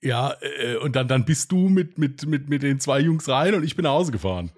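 A man's voice: mid-range voice, animated, normal speed, a little mellow. A man co-hosting a podcast in casual chat, rambling and self-deprecating with many restarts. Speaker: podcast co-host.

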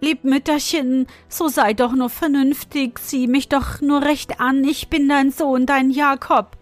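A bewildered, pleading little dwarf from a read-aloud fairy tale, as a woman narrator puts him on. He talks high and anxious. Soft music sits faint behind him. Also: fairly even intonation, unhurried, no echo. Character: frightened young man turned dwarf, pleading.

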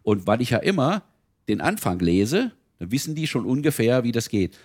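Speaking in a mid-range voice with a breathy edge at a moderate pace, a retired volunteer children's reader talks easily in an interview. This older man is a lively storyteller who drifts into character voices.

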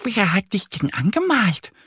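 A man's voice: sits high, wildly swooping pitch, slow, fairly bright tone, slightly rough, no echo, clean studio sound, voice pushed up, full character voice. A man voicing a small, curious female duck in a children's story, asking eager questions.

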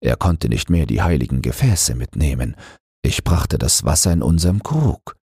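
A man's voice: lively intonation, moderate pace, a little mellow, no room sound, studio quality, heavily acted. An actor playing a poor, pious river boatman telling his tale in a storybook reading. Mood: earnest. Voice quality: deep, gravelly.

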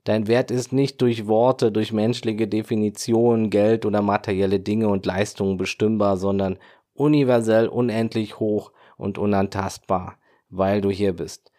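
A man hosting a motivational podcast as a life coach, speaking in a calm, earnest and affirming way, often in long lists. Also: lowish voice, moderate pace. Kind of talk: scripted motivational podcast monologue.

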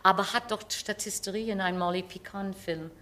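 A woman's voice: mid-range voice, steady tone, brisk, sharp tone. An older woman with an American accent, telling anecdotes in casual, humorous interview talk. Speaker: stage performer interviewed about a production.

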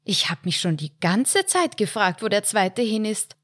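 A woman reading the lines of a brisk, oblivious older mother-in-law who speaks matter-of-factly. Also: medium pitch, very animated, a bit bright, no echo, studio quality. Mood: cheerful.

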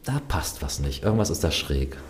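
A man talking in a relaxed, reflective way about his travels, often pausing with hesitations. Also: rumbling low. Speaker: guest, traveler. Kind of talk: casual conversation.

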